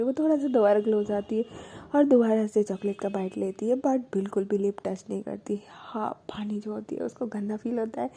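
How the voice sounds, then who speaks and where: Woman storyteller, casual chatty narration, dark mellow voice, slightly husky. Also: fairly high pitch. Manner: conversational, with fillers and self-corrections.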